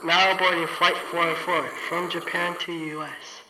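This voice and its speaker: A man's voice: fairly high pitch, little pitch movement, measured pace, bright, forceful tone, exaggerated voice. A man putting on the voice of a male airport gate announcer, speaking in a formal announcing tone as if over the intercom. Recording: echoey with faint background noise.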